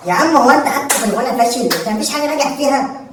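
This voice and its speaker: A woman's voice: high voice, expressive, rapid-fire. A woman with an Egyptian Arabic accent acting a cheeky, vain son who teases his father and boasts about his singing in a homemade comedy sketch. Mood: mocking. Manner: teasing, boastful, sings off-key on purpose. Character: cheeky male son, vain would-be singer. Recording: echoey room, far from the mic, faint hiss.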